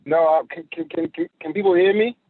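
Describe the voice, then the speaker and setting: A man's voice: fairly high pitch, steady tone, no room sound. Man on a choppy breaking-up phone line. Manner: halting, repeats words while checking if heard. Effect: choppy phone connection breaking up. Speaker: meeting attendee calling in.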